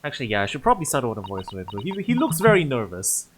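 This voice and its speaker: A man's voice: medium pitch, huge pitch swings, rapid-fire, crowd noise. A man casually commentating a story game on stream, thinking aloud and often restarting his sentences. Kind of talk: casual let's-play commentary.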